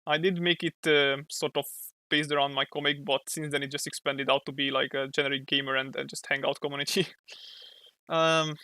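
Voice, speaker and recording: A man's voice: on the high side, little pitch movement, a little fast, pushed and bright, no room sound. A young man from Hungary with a Hungarian accent, chatting casually on a livestream while he draws, thinking aloud and sometimes searching for English words. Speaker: streamer and comic artist.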